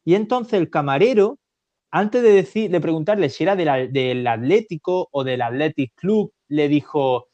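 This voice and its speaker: A man co-hosting a casual football chat, telling relaxed anecdotes and acting out the people he quotes. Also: a little high, moderate pace, no echo, lo-fi sound. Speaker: podcast co-host.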